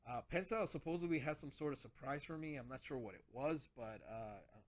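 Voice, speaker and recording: A man's voice: mid-range voice, fairly quick, a little hiss or hum. A man hosting a casual gadget vlog, rambling with lots of restarts as he explains his setup. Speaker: channel host.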